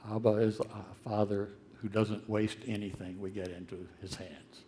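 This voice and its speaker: An older man preaching a sermon in a conversational, earnest way, his voice swelling to loud, emphatic peaks. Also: on the low side, flat delivery, moderate pace, a little hiss or hum.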